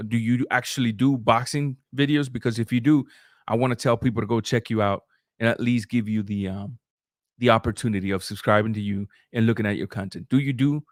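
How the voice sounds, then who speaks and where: This boxing channel host, a middle-aged man whose first language is Spanish, delivers live-stream commentary and reads super chats in a casual way, restarting sentences and using fillers. He speaks fairly quickly in a steady, mid-range voice. The sound is dry and studio-clean.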